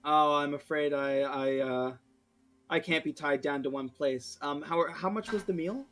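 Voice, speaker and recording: A man's voice: a little high, unhurried, fairly bright tone. A man playing a smug, evasive wandering cook who talks in a breezy, smirking way.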